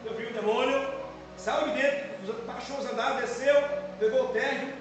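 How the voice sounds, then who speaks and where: A Brazilian man preaching as a pastor, giving an emotional testimony that swings from soft to shouted. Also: extremely high pitch, steady tone, normal speed, over music. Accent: Brazilian Portuguese. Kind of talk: sermon. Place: church hall. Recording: echoey hall.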